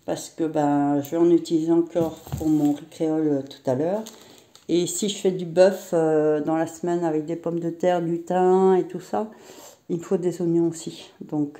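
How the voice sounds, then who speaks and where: A woman's voice: low-pitched, dark tone. A middle-aged woman chatting casually through a grocery haul vlog at home, rambling with frequent hesitations. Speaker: vlogger. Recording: roomy echo.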